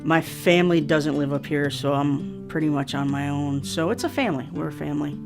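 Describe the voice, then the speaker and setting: Calm Venezuelan-born police investigator. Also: male voice, a little high, fairly quick, gravelly. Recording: music bed underneath.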